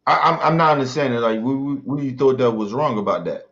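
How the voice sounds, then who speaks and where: A man's voice: medium pitch, fast talker, fairly bright tone. A man hosting a group voice chat. He calls on speakers and cuts in with questions. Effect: group voice chat audio. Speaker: host moderating an online group discussion. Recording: dull lo-fi voice-chat line.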